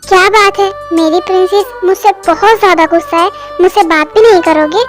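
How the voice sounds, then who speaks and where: A woman voicing a tender young man who gently pleads for forgiveness, in an amateur fan dub. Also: extremely high pitch, a little fast, over music. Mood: apologetic.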